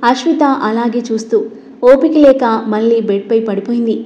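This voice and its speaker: Woman narrating a story, mellow. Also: fairly high pitch, a little fast. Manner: steady storytelling reading. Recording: dull lo-fi recording.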